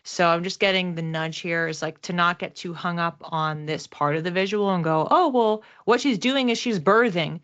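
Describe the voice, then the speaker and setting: A psychic reader with a voice on the low side and a slightly bright tone talks to camera, casually explaining a card reading. She keeps a moderate pace with few pauses, sounding reflective and conversational while stressing key words.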